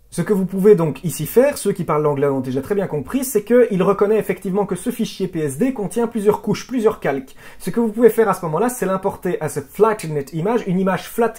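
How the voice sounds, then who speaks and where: A video editing instructor giving a software tutorial, chatty, asking rhetorical questions and often restarting words. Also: medium pitch. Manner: chatty, with frequent "hop", "voilà" and "hein" fillers; asks rhetorical questions and answers them.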